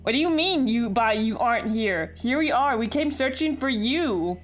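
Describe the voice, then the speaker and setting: A woman voicing a forceful young male hero in a visual novel, calling out loudly. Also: on the high side, lively intonation, moderate pace, faint music behind, voice pushed up, lightly acted. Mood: puzzled.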